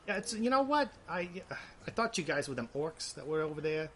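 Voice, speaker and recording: A man's voice: a little high, very animated, brisk, bright, forceful tone, slight background noise. Guy doing a chatty old brass dragon, rambly and fussy, voice jumps all over. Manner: rambling, fussy, easily offended.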